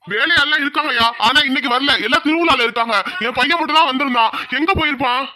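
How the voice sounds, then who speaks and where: A man's voice: extremely high pitch, fast, sharp tone, full character voice. A man voicing a wailing old village father. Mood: anxious. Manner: wailing, pleading lament. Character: grieving elderly village father, head of family. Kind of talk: Tamil cartoon drama voice acting.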